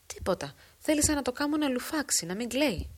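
A woman's voice: sits high, animated, breathy edge, pitched above the performer's own voice. A bold, scheming old village woman, voiced by a woman reading the story aloud. She talks firmly and urgently, pressing her listener with confident, persuasive words. A plain, lightly acted storybook voice.

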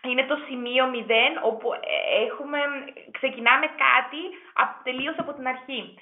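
A woman's voice: sits high, steady tone. A woman language teacher on a video call, patiently explaining words step by step and switching between languages. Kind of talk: online language tutoring. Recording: tinny call line, roomy echo.

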